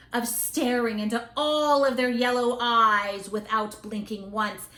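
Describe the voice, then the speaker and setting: A woman with a sharp, high-leaning voice reads a picture book to young children, stretching and stressing key words for dramatic effect and adding chatty comments. The recording sounds echoey and roomy.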